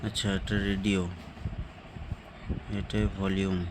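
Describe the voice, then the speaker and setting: A man with a low, completely flat voice speaks slowly, chatting casually and thinking aloud in short, informal remarks, like a vlogger reviewing a product. The recording is clearly noisy with ambient and vehicle sounds.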